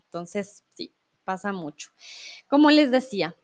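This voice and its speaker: Medium-pitched and animated but unhurried, with a darkish tone, this woman from Colombia runs a relaxed live Spanish class in her Colombian accent. She chats with viewers, uses examples to explain, and keeps checking in with "¿vale?".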